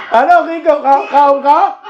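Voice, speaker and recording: A man giving casual political commentary, mocking and laughing often, now and then bursting into shouts. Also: very high-pitched, fairly even intonation, a little slow, over a noisy crowd. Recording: dull lo-fi with clear background noise.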